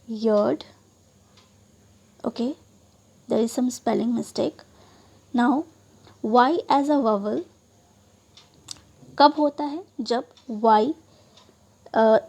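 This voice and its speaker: Woman, phonics lesson, slow and careful, letter-by-letter spelling. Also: on the high side, a little mellow, husky. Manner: spells words out letter by letter and models sounds; slow, deliberate delivery with many okays. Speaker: English phonics teacher. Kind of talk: explaining phonics in Hindi with English examples.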